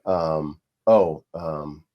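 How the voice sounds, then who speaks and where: A man hosting a podcast, telling a story in a relaxed, conversational way with frequent restarts and fillers. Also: very deep voice, extremely slow, highs cut off. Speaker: podcast host. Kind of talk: casual conversation.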